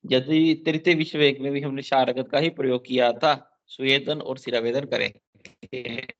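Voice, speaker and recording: A man's voice: mid-range voice, steady tone, moderate pace. A man teaching Ayurveda for exams, reading Sanskrit verses and explaining them line by line, repeating key terms and often checking in with his students. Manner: mixes in English terms, frequent "theek hai" check-ins. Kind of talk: exam-focused lecture. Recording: dull lo-fi sound.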